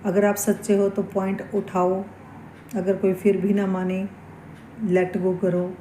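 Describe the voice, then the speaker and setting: A woman shares reflective spiritual thoughts in an unhurried, earnest way. Her tone is mellow and fairly flat, without much lift. The room around her is echoey, with a faint hiss underneath. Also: mid-range voice. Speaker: devotional vlogger. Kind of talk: casual spiritual talk.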